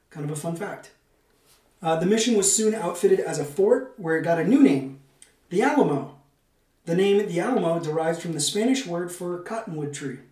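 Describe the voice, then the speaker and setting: High-pitched and darkish in tone, a man hosts a podcast that mixes semi-scripted narration with casual, playful banter and theatrical language. A distant microphone gives the recording a roomy echo.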